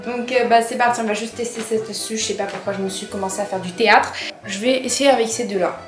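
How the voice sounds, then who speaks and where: With a fast, steady voice on the high side, a young woman tests tips for her vlog at home and later in a bathroom, keeping up a casual, self-deprecating commentary. The audio is roomy with faint music in the background.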